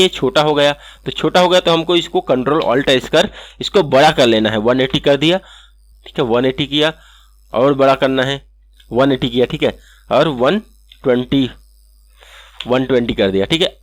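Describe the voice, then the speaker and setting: Guy doing a screen-recorded animation tutorial, steady mid voice, keeps saying okay, dry close mic sound. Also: mid-range voice, no echo. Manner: step-by-step, repeats "ठीक है" often.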